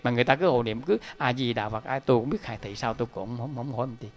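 A man's voice: medium pitch, rapid-fire. A middle-aged man giving a Buddhist dharma talk, telling stories animatedly and speaking straight to his listeners. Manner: animated, emphatic, addresses the audience directly. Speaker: Buddhist lay teacher.

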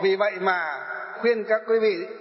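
A Buddhist monk gives a dharma talk to elderly followers, asking them questions and answering them himself. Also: male voice, high voice, unhurried. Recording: echoey hall, dull sound.

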